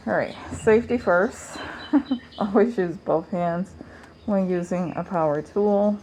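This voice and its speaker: A DIY tutorial host gives viewers a casual demonstration, talking informally and thinking aloud through a mask that muffles her voice. Her voice is mid-range and slow, with background noise behind it.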